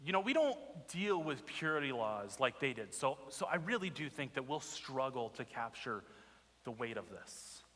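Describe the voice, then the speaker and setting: Animated male pastor preaching in a reverberant hall. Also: medium pitch, normal speed. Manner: animated storytelling with rhetorical questions. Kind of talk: sermon. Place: church sanctuary.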